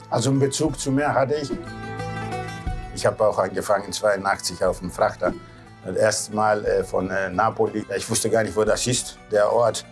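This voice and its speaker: With a voice on the low side at normal speed, a Greek cruise ship captain in his sixties talks casually about his memories as background music plays. His Greek-accented, non-native speech has loose grammar, and he frequently adds short questioning tags.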